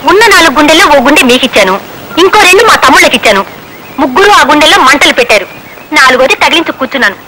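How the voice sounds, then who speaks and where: A woman's voice: high voice, sing-song, very fast, bright, forceful tone, slight background noise, heavily acted, low-quality recording. An actress playing a defiant woman who heads a society against men, firing off cool, cheeky comebacks.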